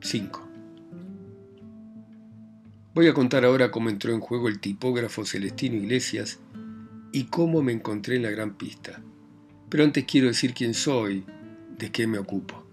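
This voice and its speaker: A man reading a novel aloud in a grave, measured first-person narration with an Argentine Spanish accent. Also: mid-range voice, soft background music. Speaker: audiobook narrator. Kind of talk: scripted literary narration.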